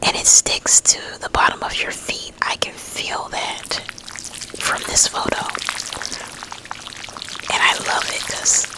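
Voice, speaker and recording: A woman rambling gently in a breathy ASMR whisper, lingering on drawn-out words. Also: poor audio. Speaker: ASMR host.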